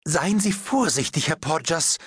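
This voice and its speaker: A man's voice: on the high side, animated, a little slow, a bit bright, slightly rough, no echo, studio quality, voice pushed up, heavily acted. A man voicing a witty, chattering society hostess in an audiobook. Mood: teasing. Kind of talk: audiobook character voice.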